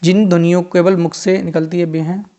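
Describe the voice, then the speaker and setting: A male teacher running an exam-prep grammar lesson, drilling students with quick repeated questions and answers. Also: high voice, level tone, mellow, a little hiss or hum. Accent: Hindi-belt Indian.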